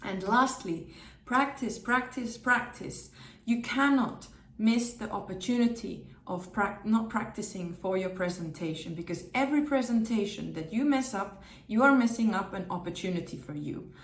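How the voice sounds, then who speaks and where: A presenter and communication trainer from Finland, whose first language is Finnish, shares tips directly to camera in an echoey room. Her mid-range voice is animated and moderately paced, and she sounds upbeat, using emphatic repetition.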